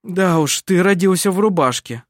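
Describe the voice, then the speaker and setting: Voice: medium pitch, expressive, fairly quick, no room sound, clean studio sound, lightly acted. A reader voicing a sour, sarcastic young man in an audiobook.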